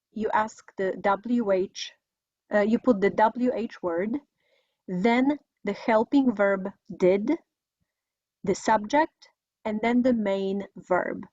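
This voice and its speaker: Enunciating carefully for instruction, a middle-aged woman from Poland runs a scripted English video lesson built on listen-and-repeat drills. Her voice is fairly high and a little mellow, captured in a dry, slightly dull lo-fi recording without room sound.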